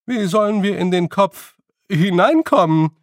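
A man's voice: high-pitched, measured pace, no room sound, clean studio sound, pitched above the performer's own voice. A man voicing a dim-witted small fairy man who asks hesitant questions. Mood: puzzled.

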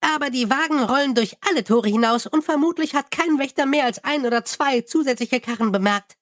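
A man voicing a small, eager male goblin clerk in an audiobook, with a squeaky, fussy and formal way of speaking. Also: a little fast, a bit bright, dry recording, clean studio sound. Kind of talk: audiobook character voice.

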